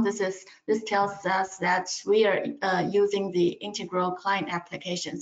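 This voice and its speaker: A woman's voice: mid-range voice, reverberant, muffled recording. Hesitant woman narrating a screen recording. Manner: hesitant, many fillers. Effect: screen-recorded video call audio. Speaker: analyst presenting software. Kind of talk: narrating a screen-share software demo.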